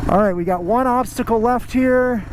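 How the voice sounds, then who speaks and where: A man talking inside a motorcycle helmet as he rides a mountain dirt road, chatting with viewers and narrating each step of the ride. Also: extremely high pitch. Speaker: motorcycle vlogger. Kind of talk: casual vlog narration to viewers. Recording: outdoor recording with loud wind and engine noise.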